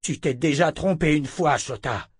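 A man's voice: mid-range voice, normal speed, breathy edge, no room sound, clean studio sound, voice pushed up, close to an everyday voice. Man reading a defiant young seeker. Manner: defiant, pleading. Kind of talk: audiobook character voice.

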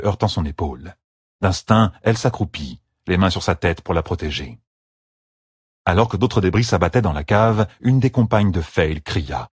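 A man reading an audiobook novel aloud as narrator, in an expressive storytelling manner. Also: deep voice, husky, dry recording, clean studio sound. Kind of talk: scripted narration.

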